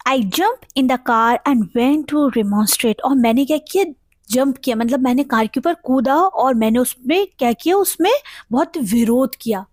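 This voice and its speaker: A woman with an Indian accent teaching vocabulary online. She explains each word in Hindi and reads the English examples slowly. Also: a little high, no room sound, studio quality.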